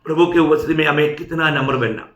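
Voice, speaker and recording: A man's voice: fairly high pitch, fast talker, fairly bright tone. A man preaching a sermon, speaking emphatically and often checking in with the congregation with tag questions. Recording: echoey room.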